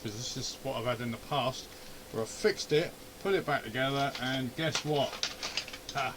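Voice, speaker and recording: A man keeps up a casual commentary at a moderate pace while doing a hands-on repair, muttering and grumbling to himself. His voice is mid-range, the background is noisy, and he's an amateur radio hobbyist and video host working indoors in his home radio shack.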